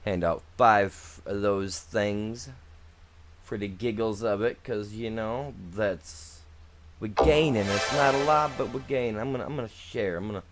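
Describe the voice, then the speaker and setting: Speaking at a fairly low pitch and a measured pace, a young man plays a farming game on a live stream and rambles casually with his chat. He's relaxed, frequently trailing off and restarting his sentences. There's slight noise in the background.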